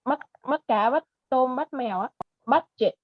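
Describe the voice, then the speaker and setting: A woman with a Vietnamese accent teaching English pronunciation in a one-on-one online lesson, patiently modeling words slowly and repeating them. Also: sits high, no room sound, muffled recording.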